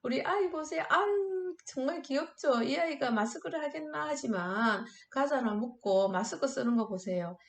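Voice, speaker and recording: A woman's voice: sits high, normal speed, hardly any pauses. Upbeat woman instructor leading chants, echoey room. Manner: upbeat, coaxing, leads shouted chants and clapping games. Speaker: school anti-smoking instructor. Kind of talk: online classroom lecture with group exercises.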